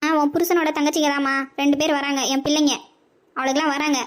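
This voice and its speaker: A woman's voice: sits high, little pitch movement, fast talker, lightly acted. A woman voicing a bossy older mother-in-law in a cartoon, scolding and nagging.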